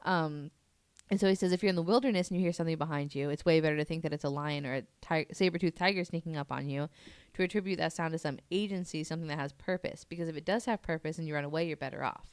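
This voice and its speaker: A woman guesting on a podcast talks casually and informally, presenting and paraphrasing an article she has read. Her voice is deep, smooth and fast, recorded without echo.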